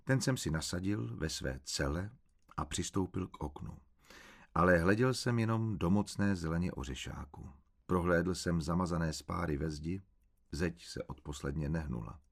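Brief: deep-voiced man, calm measured first-person book narration. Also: gravelly. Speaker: audiobook narrator.

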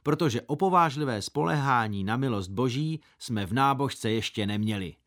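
A man's voice: mid-range voice, natural voice. A man voicing a proud, boastful schoolboy who argues back stubbornly in a storybook reading. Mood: defiant.

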